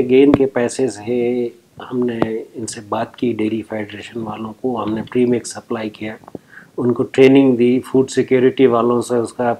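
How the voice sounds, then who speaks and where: Man, interview, slow, pausing, fillers, plain explanatory tone. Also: medium pitch, mellow, slight background noise, rough recording. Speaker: program official.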